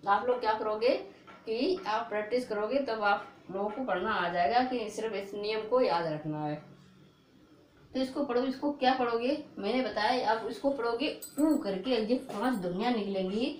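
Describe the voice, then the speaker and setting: A woman's voice: a little high, moderate pace. A woman teaching at a board, repeating each word and asking the class what they will read. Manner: repetitive, drilling questions like "what will you read?". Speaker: English teacher. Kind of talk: board lesson for a video. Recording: echoey room with faint hiss.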